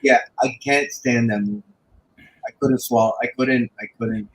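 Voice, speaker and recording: A man in his thirties, co-hosting a podcast in casual chat, animated and often stumbling over and repeating his words. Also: medium pitch, moderate pace, low-quality recording. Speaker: podcast co-host.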